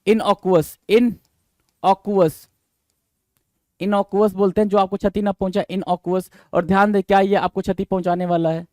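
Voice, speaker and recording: High-voiced man teaching vocabulary. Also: flat delivery, darkish tone, no room sound. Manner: spells words letter by letter, repeats answers, calls students bhai; reads English definitions slowly, then explains in quick Hindi. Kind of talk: exam-prep vocabulary lesson.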